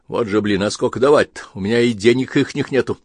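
A man voicing a gruff, grumbling admiral's inner thoughts in an audiobook reading. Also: medium pitch, fast, dry recording, natural voice. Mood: wry. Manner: grumbling, wry.

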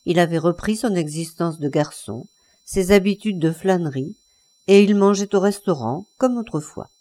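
This is a classic novel read aloud as an audiobook by a woman whose mid-range voice stays measured yet expressive.

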